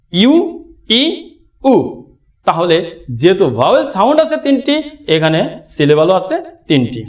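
A male teacher with a Bangladeshi Bengali accent, giving a classroom grammar lesson, addressing his students directly and slowly spelling out example words. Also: sits high. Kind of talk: classroom lesson explaining at a board.

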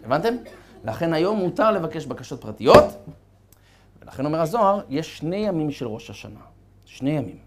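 A male rabbi giving a sermon, with animated storytelling and chuckles as he talks. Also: fairly high pitch, very noisy. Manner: animated storytelling, acting out characters.

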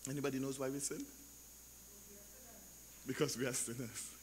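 A man preaching a sermon as pastor, drawing out scripture slowly and leading call-and-response, shouting at the peaks. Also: medium pitch, flat delivery, a little hiss or hum. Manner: slow, drawn-out scripture reading.

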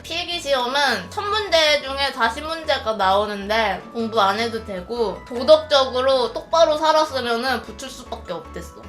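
Lively young woman telling a story on stream. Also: fairly high pitch. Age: 20s. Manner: animated storytelling, acts out other voices. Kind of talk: casual live-stream chat.

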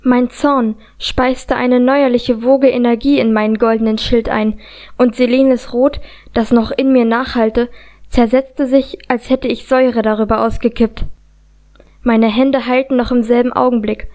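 A woman with a high voice reads a first-person fantasy audiobook. Her delivery is tense and dramatic, and she carries the action forward steadily. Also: little pitch movement, unhurried, a little mellow. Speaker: audiobook reader.

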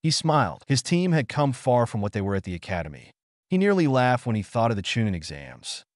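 A man reading a fan fiction story aloud in a steady storytelling manner. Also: mid-range voice, a little fast, dry recording, studio quality. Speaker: narrator. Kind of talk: scripted fan fiction narration.

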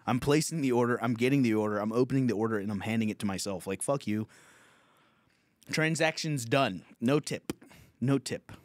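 Profane, animated young man on a podcast. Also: medium pitch, a little fast, no room sound. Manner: profane, animated storytelling with laughs and acted quotes. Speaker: podcast host, comedian. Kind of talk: casual storytelling chat.

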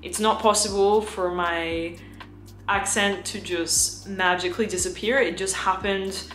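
A woman's voice: fairly even intonation, measured pace, echoey room, faint music behind. Gushing young Australian woman vlogger. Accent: Australian, with some French influence. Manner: gushing and effusive, slips into a lowered, breathy hush. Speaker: fragrance vlogger. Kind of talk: casual chat.

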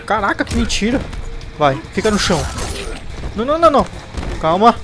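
A man's voice: high-pitched, brisk, background noise. A man with a Brazilian Portuguese accent giving casual gaming commentary, yelping, groaning and joking at the game as he plays. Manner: excitable, yelps and groans at the game. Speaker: gameplay commentator. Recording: game music loud behind the voice.

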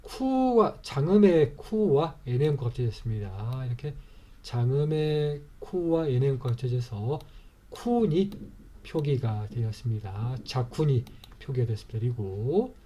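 느리고 어두운 목소리의 남성 강사. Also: male voice, mid-range voice, unhurried, warm tone. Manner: patient, repetitive, methodical explaining. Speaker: teacher and author. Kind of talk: slow step-by-step lecture.

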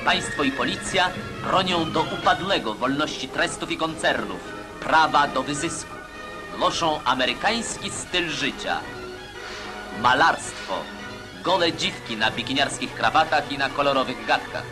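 A man's voice: fairly high pitch, lively intonation, a little slow. A man narrating an old newsreel in a declamatory, emphatic propaganda delivery. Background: music.

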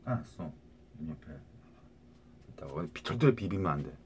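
A man's voice: extremely low pitch, sing-song, normal speed, slight background noise. A middle-aged man talking to viewers into a phone in a rambling casual monologue, restarting words and often asking "right?".

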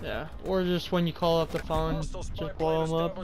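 A young man hosting a gaming video, giving casual, excitable and profane commentary with bursts of hype. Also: on the high side, moderate pace.

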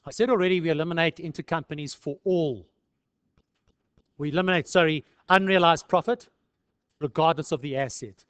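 With a fairly bright, clean tone and no room sound, this South African man lectures on accounting briskly, pausing often. His voice is on the high side, and his informal tutorial is conversational and sprinkled with rhetorical questions.

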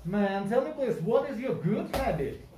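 A woman English teacher leading a class of young children, giving slow repeated prompts and quick praise. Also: fairly high pitch, lively intonation, roomy sound, heavy background noise.

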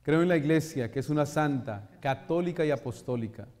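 A man leading Mass as a priest, solemn and measured as he recites prayers and leads the congregation's responses in a cathedral echo. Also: fairly high pitch, lively intonation, darkish tone. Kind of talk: liturgical preaching and prayer. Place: large church. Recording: long church reverb.

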